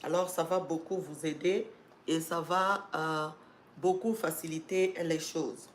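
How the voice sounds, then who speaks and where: With a cold making her congested, a woman host of an educational channel talks to live-stream viewers in a low, steady voice, a little slowly, amid slight background noise and room echo. Fillers and restarts pile up, and she sometimes turns urgent and emphatic.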